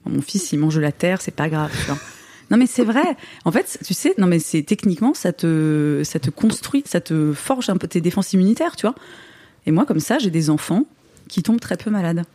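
A woman's voice: fairly low pitch, expressive, normal speed, mellow, dry recording. A woman in her thirties from eastern France, a podcast guest chatting casually with lots of fillers and laughter. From Moselle, eastern France. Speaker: guest, content creator. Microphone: close podcast microphone.

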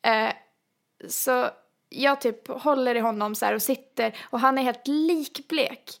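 A fairly high-voiced woman telling a story in relaxed conversation. She is animated, leans on fillers, and acts out the lines of the people in her story. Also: vocal fry. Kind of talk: casual chat, storytelling.

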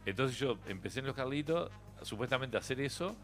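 Bright-voiced Uruguayan man telling stories. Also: medium pitch, brisk, faint music behind. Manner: animated storyteller, laughs often. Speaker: radio interview guest. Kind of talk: casual radio chat.

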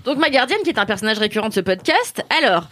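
A woman's voice: a little high, fast talker. A young woman co-hosting a casual podcast, telling funny stories with laughter and acted-out quotes. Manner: lively, laughing storyteller, acts out quotes. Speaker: podcast co-host. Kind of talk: casual podcast chat, storytelling.

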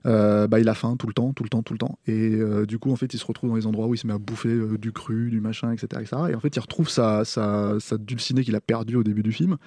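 A man who is a film critic on a podcast, talking through a review in a casual, halting way with frequent restarts and hesitations. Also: lowish voice, fairly even intonation, mellow, no room sound.

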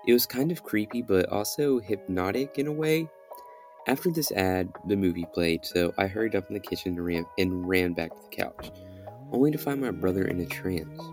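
A young man hosting a podcast reads his own horror story aloud in dramatic first-person narration, with music behind him. His low-pitched voice is animated and a little mellow, at a moderate pace.

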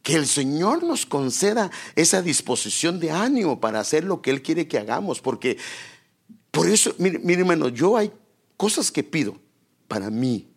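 A man's voice: a little high, big pitch swings, normal speed, husky. A man preaching a sermon, quoting scripture and calling his listeners brother.

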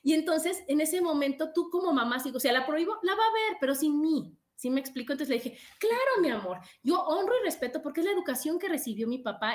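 Chatty woman in her forties, co-host, high voice, roomy echo. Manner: chatty, animated storyteller acting out quotes. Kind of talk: casual conversation about parenting.

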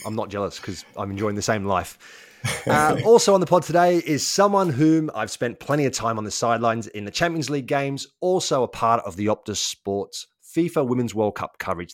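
A man's voice: medium pitch, no room sound, studio quality. A man hosting a football podcast, chatting casually and teasing his guests in a jokey way. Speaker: podcast host. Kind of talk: casual chat. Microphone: video call.

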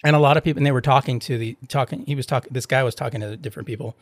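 Speaking rapid-fire at a medium pitch, a man plays podcast host, chatting loosely and retelling anecdotes in a rambling way while voicing both parties in each exchange. The recording is dry.

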